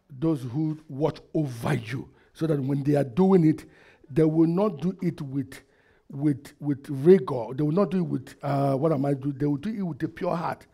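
High-voiced pastor preaching. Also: male voice, unhurried, creaky. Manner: call-and-response preaching, swinging between loud and quiet. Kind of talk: sermon. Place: church hall with projector screen, indoors. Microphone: headset mic.

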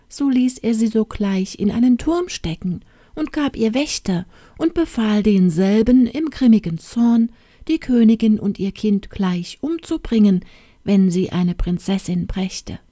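A woman voicing an old hen in a fairy tale reading, pleading at first and then confiding in a gossipy, sometimes hushed way. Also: mid-range voice, no room sound, clean studio sound, pitched above the performer's own voice. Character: old hen, pleading then chatty nurse who tells secrets.

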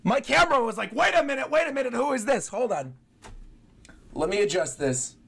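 A young man streams his reactions to game trailers from a small indoor bedroom, with trailer music playing behind him. His voice is very high, fairly bright and slightly rough, with vocal fry, and he talks in a brisk, animated way. He's enthusiastic and chatty, and he keeps repeating his phrases.

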